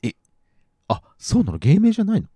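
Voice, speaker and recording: A man's voice: sits high, wildly swooping pitch, fairly quick, dark tone, breathy edge, no room sound. A middle-aged man with a mixed Nagoya and Kansai accent, chatting casually and agreeably, often repeating his affirmations. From Nagoya area, Japan. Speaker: podcast co-host. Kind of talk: casual chat.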